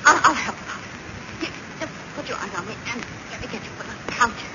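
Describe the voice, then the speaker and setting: A woman's voice: on the high side, lively intonation, a little fast, natural voice. A woman playing an anxious, loyal lady sidekick to a detective in a 1940s radio drama. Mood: alarmed. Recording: noisy 1940s radio recording.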